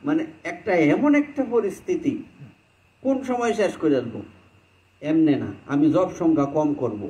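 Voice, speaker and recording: High-voiced man giving a devotional sermon. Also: expressive, normal speed, warm tone, low-quality recording. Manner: conversational, chants mantra lines mid-talk. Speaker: Vaishnava preacher.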